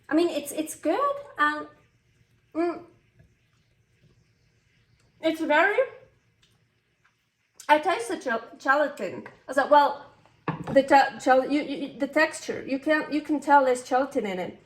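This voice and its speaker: This cooking vlog host from Switzerland speaks high and expressively, slowly, with frequent pauses, her Californian English carrying a Swiss flavor. In her home kitchen she chats off the cuff, wandering from topic to topic, making fun of herself and exclaiming as mishaps happen. A distant mic captures the roomy space along with faint noise.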